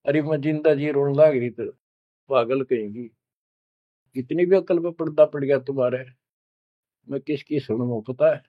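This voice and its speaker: Tearful village woman, played by a man, fast wailing reproach, lo-fi dry recording. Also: mid-range voice, dry recording, natural voice. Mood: wailing, reproachful.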